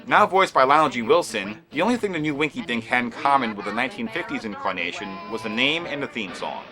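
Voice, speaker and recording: A man's voice: medium pitch, lively intonation, fast. A man reading scripted retrospective narration in a formal, emphatic manner with a wry edge. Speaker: documentary narrator. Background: faint music.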